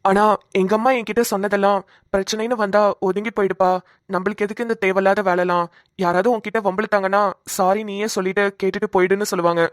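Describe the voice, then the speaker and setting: A woman voicing a timid, lovesick young man in a cartoon, talking softly and hesitantly. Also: medium pitch, steady tone, fast talker, no echo, clean studio sound, close to an everyday voice. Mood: wistful. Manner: soft, hesitant, pleading. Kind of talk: cartoon voice acting.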